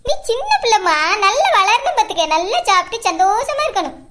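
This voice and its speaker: A woman's voice: very animated, a little fast, fairly bright tone, slight background noise, heavily acted. A woman voicing a sly, greedy middle-aged village woman in a cartoon, with a Kanyakumari Tamil accent and a sugary, put-on sweetness. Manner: squeaky, sugary, fake sweetness. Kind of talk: cartoon voice acting.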